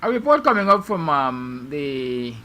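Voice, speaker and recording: Bright-voiced Guyanese man musing aloud. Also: on the high side, big pitch swings, unhurried. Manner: musing, rhetorical questions, sarcastic. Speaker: morning show host. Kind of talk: opinion monologue to viewers.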